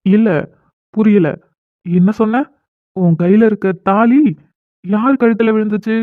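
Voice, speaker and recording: A woman's voice: medium pitch, measured pace, no room sound, close to an everyday voice. Woman playing a teasing young best friend. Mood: curious. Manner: mocking, amused, excitable. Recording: dry, tinny phone-like audio.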